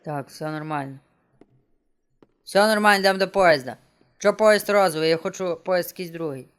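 A man's voice: sits high, normal speed, fairly bright tone, clean tone. A man streaming a game and chatting casually to himself, joking as he plays. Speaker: gameplay streamer. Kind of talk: casual let's-play commentary. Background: game music.

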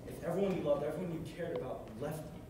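Here a young preacher talks fast in a slightly high voice, earnestly repeating phrases through his short sermon. He's at a music stand on stage in a large carpeted hall. The hall sounds boomy and hissy, picked up by a camera mic far across the room.

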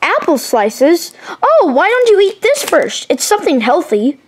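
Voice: very high voice, huge pitch swings, measured pace, a little hiss or hum, full character voice. A young performer voicing an exasperated, bossy rabbit animatronic plush in a homemade puppet video.

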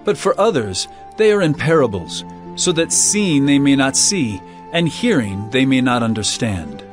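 An actor playing Jesus as an earnest, authoritative teacher in a dramatized audio Bible, speaking deliberately and solemnly. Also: male voice, mid-range voice, big pitch swings, soft background music. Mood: earnest teaching.

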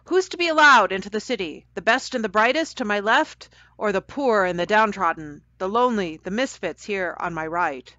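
A woman's voice: mid-range voice, lively intonation, moderate pace, hardly any pauses, sharp tone, no echo, lo-fi sound. A woman voicing an impatient, commanding woman judge in a wig in a read-aloud storybook. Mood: booming.

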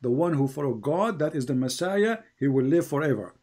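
With a darkish tone and a fairly quick, expressive delivery, an Arabic-speaking man hosts a debate with a caller. He stresses points by repeating phrases, and his voice goes up high as he presses questions.

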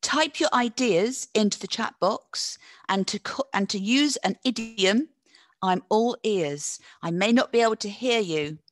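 A woman's voice: medium pitch, a little slow, dry recording. A woman presenting a live online teacher-training webinar, encouraging her audience and praising their chat answers with a teacherly delivery that draws out stressed words.

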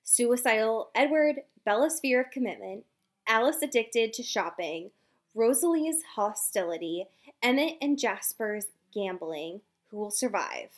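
A young woman on a book podcast, one of its co-hosts, recaps chapters in an unhurried, animated way. Her voice is on the high side, and she swears and laughs frequently in this casual chat.

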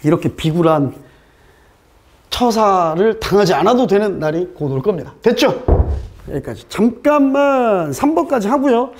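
Animated male lecturer, lively pitch. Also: moderate pace. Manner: animated, fires rhetorical questions at students; mixes English terms into explanations. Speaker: English teacher. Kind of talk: exam-prep lecture.

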